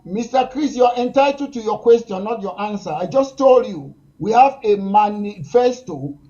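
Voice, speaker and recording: A man's voice: sits high, expressive, moderate pace, warm tone, lo-fi sound. A man from Cameroon, a political guest pressing his points insistently in a heated talk show debate.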